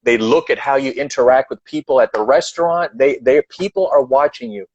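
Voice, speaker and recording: A man's voice: mid-range voice, fairly quick, breathy edge, no room sound, highs cut off. A man speaking as a guest in a live online chat, giving advice earnestly and repeating his key points for emphasis.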